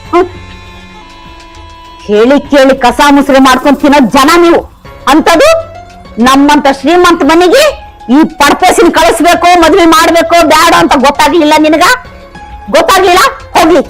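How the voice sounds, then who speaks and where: A woman's voice: high-pitched, moderate pace, long pauses, soft background music, natural voice, low-quality recording. An actress playing a scornful, rich village stepmother-in-law, speaking with a North Karnataka accent. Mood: contemptuous. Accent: North Karnataka Kannada. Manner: taunting, contemptuous. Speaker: actor.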